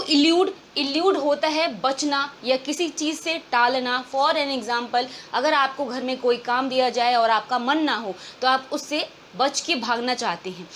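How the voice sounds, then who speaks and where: High-voiced woman teaching vocabulary in Hindi. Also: fairly bright tone, a little hiss or hum. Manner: explains in Hindi mixed with English, often asks and answers her own questions. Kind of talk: exam-prep vocabulary lesson.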